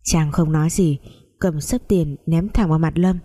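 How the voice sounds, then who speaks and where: A woman narrating a melodramatic family story, reading every character in a mostly even voice. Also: low voice, moderate pace.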